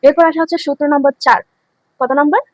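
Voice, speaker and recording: Brief: female teacher, high voice, dry close sound, quizzes the class and answers herself. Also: steady tone, fast, a little mellow, no room sound, rough recording. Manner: asks students questions then answers them herself; repeats key words for emphasis. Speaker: grammar teacher. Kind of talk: online classroom lesson.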